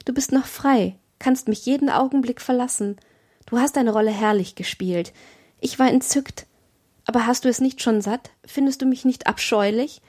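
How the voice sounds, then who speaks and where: A woman's voice: fairly high pitch, normal speed, mellow, breathy edge. A woman reading an audiobook, voicing a haughty, capricious young noblewoman who swings between tender and cruel. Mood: commanding. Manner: imperious, alternating tender and cruel.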